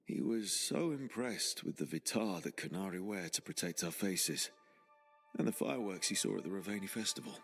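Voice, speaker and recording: In a video game cutscene, an actor voices a young male adventurer who muses aloud, reflective and earnest, with quiet determination. His voice sits low.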